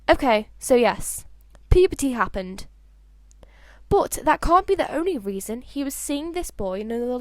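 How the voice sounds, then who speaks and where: A woman's voice: high voice, dry recording. A woman narrating a story like an amateur audiobook, reading expressively with the occasional stumble over words. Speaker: fan fiction narrator.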